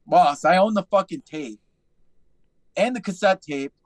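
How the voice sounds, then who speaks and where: A man's voice: sits high, unhurried, no echo. A young adult man telling stories in a casual, profane podcast chat. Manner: profane, animated storytelling. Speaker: podcast host.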